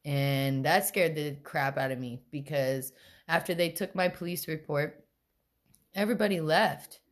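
A young adult woman, a podcast co-host, telling a personal story in casual chat, animated and full of quoted voices. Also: deep voice, a little slow.

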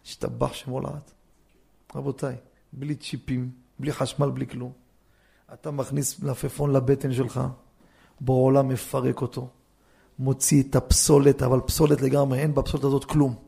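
Rabbi, male, lively storyteller with asides; gravelly, husky tone. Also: mid-range voice. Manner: lively storyteller, joking asides, swings from hushed to loud. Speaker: rabbi teaching a lesson. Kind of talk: Torah lesson with anecdotes.

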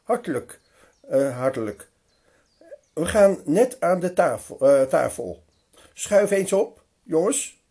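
An old patriarch speaks with patient, kindly firmness, voiced by a man telling the story. His tone is husky and mellow, lifted a little above the teller's own voice. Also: fairly high pitch, slow, long pauses, exaggerated voice. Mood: welcoming. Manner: hospitable, then calm and firm. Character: old patriarch Abraham, kindly but firm.

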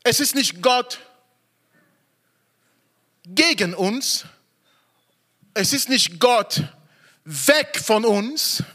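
A man's voice: very high voice, expressive, drawn-out words, long pauses, pushed and bright. A man preaching an emphatic sermon, repeating phrases and stressing each word. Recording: long hall reverb.

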